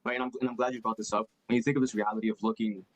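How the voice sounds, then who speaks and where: Young male closer, dry and quick. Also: fairly low pitch, little pitch movement, no echo, low-quality recording. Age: young adult. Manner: probing, repeats phrases, many fillers. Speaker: sales closer. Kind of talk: sales call.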